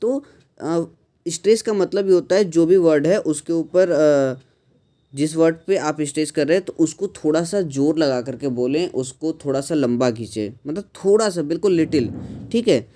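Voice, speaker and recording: A man teaching an English lesson, explaining step by step with frequent pauses and mixing English phrases into his speech. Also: a little high, lively intonation, mellow. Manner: mixes English phrases into Hindi, slows to model sentence stress; frequent pauses with "uh" and "thik hai".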